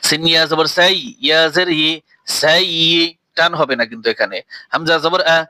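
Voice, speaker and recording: A man with a Bengali accent teaches Quran reading in a bright, slightly raised voice. He spells each letter with its vowel mark, drags the recited words out slowly, and drops into quicker asides to explain the rules. The sound is dry and close. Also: a little high, expressive, no room sound, low-quality recording. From Bangladesh. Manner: slow drawn-out recitation between quick spoken explanations.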